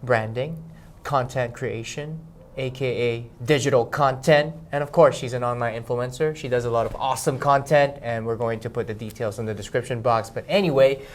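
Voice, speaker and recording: A man's voice: mid-range voice, fairly even intonation, normal speed, slight background noise. Man hosting an interview show. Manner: upbeat, promo-style greeting. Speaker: show host. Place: office meeting room.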